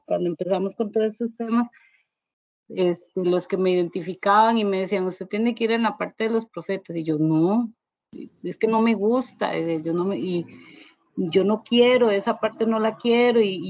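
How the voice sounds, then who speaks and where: A woman's voice: medium pitch, normal speed, dry recording, dull audio. A woman sharing a personal church testimony in a class, telling it in a rambling way with constant tag questions.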